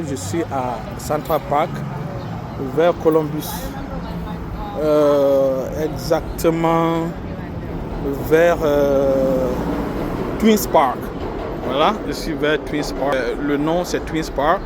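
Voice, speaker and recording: Man vlogger on a phone, slightly high voice, slow repetitive delivery, street and subway noise behind. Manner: slow, repetitive, halting explanation with many fillers. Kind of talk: casual walking vlog. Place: outdoors on a city street, then down into a subway station. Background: city traffic and subway noise.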